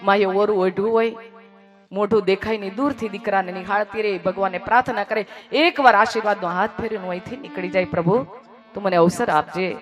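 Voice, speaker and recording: A woman's voice: mid-range voice, steady tone, fast talker, faint music behind. Dramatic woman devotional storyteller. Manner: dramatic, swinging between hushed and loud. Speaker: katha storyteller.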